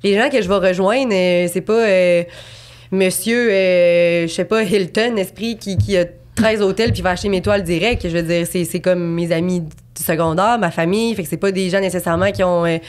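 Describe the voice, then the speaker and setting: A woman's voice: lowish voice, fairly even intonation, normal speed. A woman in her twenties with a Québécois accent, a painter talking as a guest in a casual podcast interview, chatty and rambling with lots of fillers and restarts. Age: 20s.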